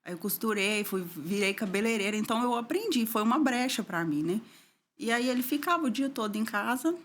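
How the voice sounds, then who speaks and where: A middle-aged woman from Brazil talks briskly with lively intonation while giving an emotional personal testimony in an interview. During painful moments, her voice goes quiet, low and tearful.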